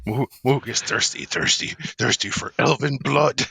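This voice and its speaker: Man doing a gravelly boastful brute. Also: mid-range voice, moderate pace, pushed and bright, voice pushed down. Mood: menacing. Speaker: tabletop game player. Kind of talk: in-character play.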